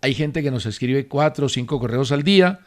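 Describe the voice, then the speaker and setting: A man hosting a sports radio talk show, giving his opinions in a measured, emphatic way. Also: medium pitch. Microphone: studio radio mic.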